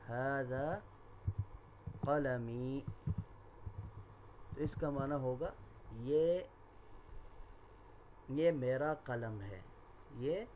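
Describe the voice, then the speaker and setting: A male language teacher who says each Arabic word slowly and clearly, repeats every phrase twice, and explains in quick asides. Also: mid-range voice, darkish tone, a little hiss or hum. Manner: pronounces Arabic words slowly and deliberately, then explains quickly. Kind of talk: language lesson.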